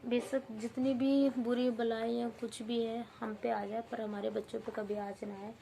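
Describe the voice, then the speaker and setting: A young mother with a hoarse voice, tearfully vlogging about her sick baby. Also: a little high, little pitch movement, unhurried, a little hiss or hum. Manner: tearful, worried, talking softly to her baby. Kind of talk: emotional home vlog.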